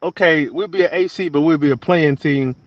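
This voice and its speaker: A man co-hosting a casual sports podcast from Houston, talking in a laid-back, slangy way and often trailing off quietly. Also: fairly high pitch, a little fast, no echo, muffled recording. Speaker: podcast co-host.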